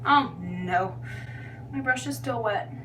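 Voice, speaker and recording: A woman's voice: a little high, takes it slowly, bright, forceful tone. A young woman giving a casual, chatty tutorial in a loose, tipsy, giggly and self-deprecating manner. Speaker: makeup tutorial vlogger. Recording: distant mic with background noise and hum.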